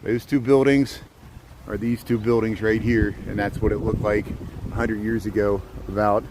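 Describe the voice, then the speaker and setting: A man's voice: fairly low pitch, level tone, normal speed, a little mellow, slight background noise. Middle-aged man, easygoing streamer who rambles on the move outdoors; faint street ambience. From Southeast Indiana. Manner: rambling, lots of fillers and restarts. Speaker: live streamer. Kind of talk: casual walking livestream. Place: outdoors on a small-town main street.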